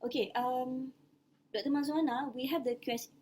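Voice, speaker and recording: A woman's voice: high voice, fairly even intonation, moderate pace, a little mellow, slight background noise, low-quality recording. A woman with a Malaysian English accent speaking to postgraduate students in an online webinar, hesitant, with many fillers and restarts. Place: home or office, online webinar. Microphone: computer microphone on a video call.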